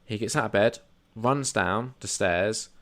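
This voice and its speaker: A man's voice: fairly low pitch, measured pace, fairly bright tone. A man co-hosting a casual film podcast, easygoing, agreeing often and walking through plot points. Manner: easygoing, lots of agreeing yeahs, explains plot step by step. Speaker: podcast co-host.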